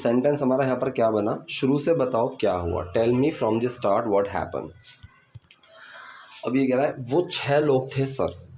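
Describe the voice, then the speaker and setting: Hindi-speaking male teacher, mellow voice. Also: medium pitch, slight background noise. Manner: explains step by step, often checks with "ठीक है". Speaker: English teacher. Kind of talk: spoken English lesson explaining movie lines.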